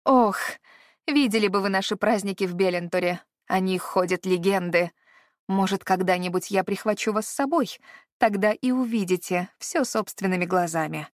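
Teasing young huntress voiced by a woman, mid-pitched, dry studio sound. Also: normal speed, no echo, lightly acted. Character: sly, playful young huntress.

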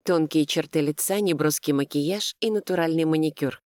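A woman narrating a first-person romantic comedy audiobook with a lively, expressive reading. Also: deep voice, normal speed, no room sound.

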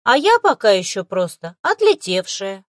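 A woman's voice: mid-range voice, big pitch swings, moderate pace, dry recording, studio quality, lightly acted. A woman voicing a small, grumbling, condescending male ghost animal in an audiobook. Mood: lecturing. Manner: condescending, huffy.

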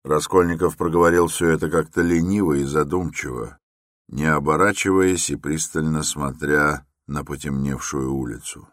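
A man narrating a classic novel as an audiobook in a measured, even reading. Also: extremely low pitch, no room sound, studio quality. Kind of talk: scripted literary narration.

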